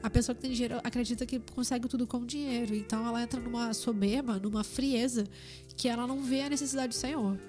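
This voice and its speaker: A woman's voice: fairly high pitch, steady tone, fast, a little mellow, soft background music. Earnest Brazilian woman sharing testimony. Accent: Brazilian Portuguese. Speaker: podcast guest, tattoo artist. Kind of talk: casual testimony chat.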